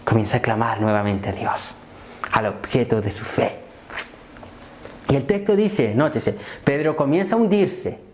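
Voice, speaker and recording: A man's voice: lively intonation, unhurried, slight background noise. Male pastor preaching with rhetorical questions. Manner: repeats phrases and asks rhetorical questions; swings between hushed low lines and raised emphatic ones. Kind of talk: sermon.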